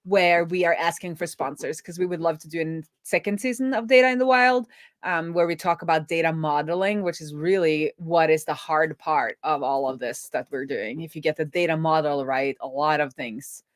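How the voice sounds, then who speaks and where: A woman with a low-pitched voice speaks at a moderate pace in a studio-quality recording with no echo. She's a web developer hosting a casual coding livestream, thinking aloud informally as she works.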